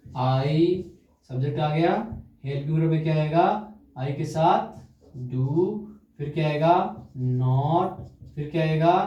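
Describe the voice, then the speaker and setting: A man teaching English grammar, dictating example sentences slowly and quizzing students with repeated questions. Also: fairly high pitch, mellow, muffled recording. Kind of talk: classroom grammar lesson. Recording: echoey room, far from mic.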